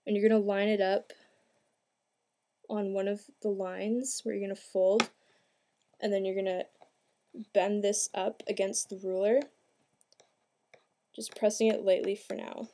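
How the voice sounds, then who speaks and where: A young adult woman with a mellow, mid-range voice speaks in a level tone, a bit slowly and with long pauses. She hosts a craft tutorial, giving a plain, informal step-by-step demonstration from a small room indoors at home. The amateur home video sounds clear, with some background noise.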